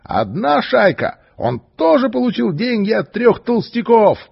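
A man voicing an agitated, ragged male beggar who talks in an excited, shrill way. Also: a little slow, creaky, breathy edge, highs cut off, full character voice.

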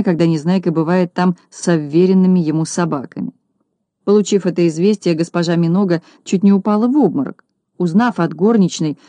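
A woman narrating a children's tale as an audiobook, in a steady storytelling way. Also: on the low side, no echo.

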